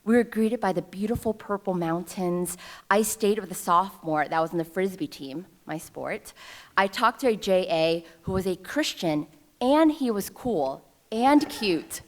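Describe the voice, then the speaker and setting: Standing on a ceremony stage in front of an audience, an alumna in her thirties from New York City shares a personal story at the podium mic, poking fun at herself with dry wit. She speaks at a medium pitch, expressively and without hurrying.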